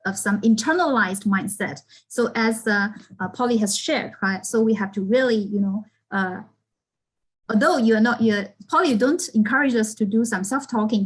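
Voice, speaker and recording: A woman panelist answers audience questions in a slightly husky, higher-pitched voice. She explains her points earnestly, often pausing on fillers and restarting her sentences. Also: low-quality recording. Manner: earnest, many fillers and restarts, laughs lightly. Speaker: academic panelist.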